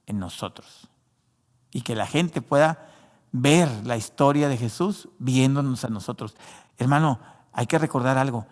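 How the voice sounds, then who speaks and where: Man preaching in a reverberant hall. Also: medium pitch. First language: not Spanish. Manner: preaching with many fillers and restarts, addressing "hermano". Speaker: pastor. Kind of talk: sermon.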